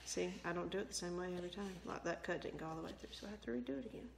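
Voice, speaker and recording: Low-voiced woman, rambling chatty vlog. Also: rapid-fire, creaky, noisy background. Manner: chatty and rambling, self-mocking, laughs often. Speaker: vlogger. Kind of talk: casual chat. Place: home kitchen.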